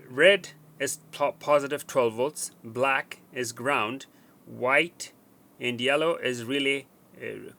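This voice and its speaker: At an indoor workbench, a technician with a bright, ringing, medium-pitched voice gives a hands-on walkthrough of a wiring job. His speech is halting, full of fillers and restarts as he works, and he counts pins aloud while pointing to them.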